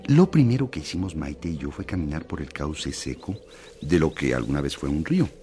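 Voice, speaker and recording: A man playing an earnest, excitable hiker lost in the woods in a children's audio drama. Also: very deep voice, fairly quick, soft background music. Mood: storytelling.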